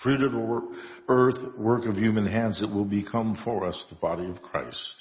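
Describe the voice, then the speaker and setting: A man's voice: on the low side, fairly even intonation, normal speed. A man presiding as priest, reciting the liturgy solemnly in a church with a cathedral echo. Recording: cathedral-like echo, long reverb, muffled sound.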